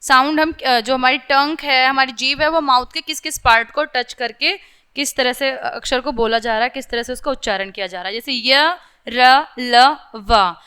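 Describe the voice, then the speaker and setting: A young woman teacher explains lessons to small children, slowly sounding out letters and repeatedly checking that they follow, mixing English words into her Hindi. Her high voice is bright, forceful, clear and resonant.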